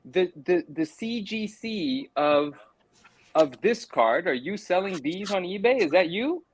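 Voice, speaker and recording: A man joining a casual group video chat as a guest, excitable, greeting everyone. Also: sits high, unhurried, slight background noise.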